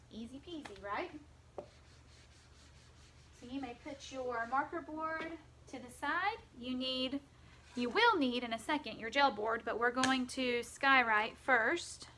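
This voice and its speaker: A woman's voice: sits high, pushed and bright, a little hiss or hum. A woman teaching a phonics lesson to young children, patiently stretching out the sounds of words.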